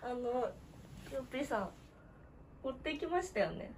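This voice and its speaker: A woman's voice: high-pitched, big pitch swings, moderate pace, darkish tone, far from the mic, a little hiss or hum, poor audio. A woman who has just woken up, chatting casually and giggly in a small room. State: just woke up. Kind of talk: casual chat, prank reveal.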